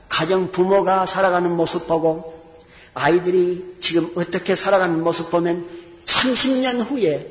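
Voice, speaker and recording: A male pastor preaching a sermon, telling a story and acting out the voices of the people in it. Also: high voice. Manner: animated storyteller acting out dialogue. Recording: long hall reverb.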